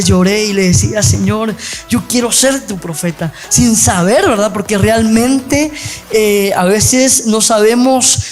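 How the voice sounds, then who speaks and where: A man's voice: sits high, a little mellow. Earnest young man sharing a church testimony. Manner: earnest, full of fillers, keeps adding "¿verdad?". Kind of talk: spoken testimony and advice on a church program.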